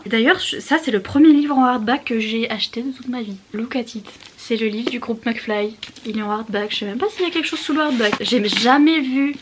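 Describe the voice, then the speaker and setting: A young woman chatting casually to camera as a YouTuber, giggly and self-mocking as she rambles from one aside to the next. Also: a little high. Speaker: YouTuber talking about reading.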